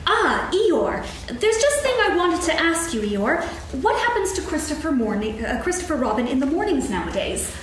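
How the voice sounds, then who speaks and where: A woman playing a bossy, impatient storybook rabbit in a staged reading, with brisk, clipped questioning. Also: sits high, big pitch swings. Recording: echoey stage, distant mic, faint noise.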